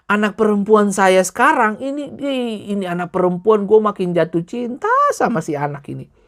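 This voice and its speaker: A middle-aged man preaching a sermon in a lively, colloquial way, addressing the congregation directly. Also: high voice. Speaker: pastor.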